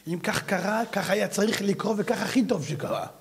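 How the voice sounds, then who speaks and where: A man, a rabbi, giving an animated, exhorting sermon and telling stories. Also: high-pitched, vocal fry. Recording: long hall reverb.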